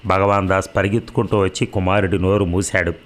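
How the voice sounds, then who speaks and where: A man narrating a story in a measured, dramatic way. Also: low voice, flat delivery.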